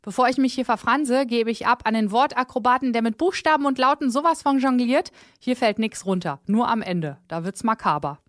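A woman's voice: fairly high pitch, lively intonation, a little fast, dry recording, clean studio sound. A woman hosting an event, explaining the coming piece and introducing the poet. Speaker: event host. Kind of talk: stage introduction.

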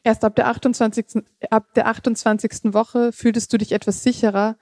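A woman reads her own literary prose aloud, measured and steady, now and then slipping and correcting herself. Her voice is mellow and warm rather than bright. The sound is dry and close, with no room echo. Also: fairly high pitch. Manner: measured reading with occasional slips and casual asides. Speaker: author reading her own text.

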